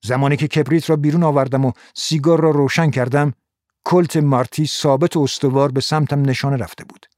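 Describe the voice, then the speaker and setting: A man reading a first-person noir novel as scripted audiobook narration in a steady, measured way. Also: a little high, no echo, studio quality.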